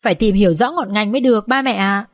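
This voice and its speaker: Woman as a gentle reasoning teenage daughter. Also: medium pitch, fast, natural voice. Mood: pleading reasoning. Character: young daughter, student, calm and reasoning.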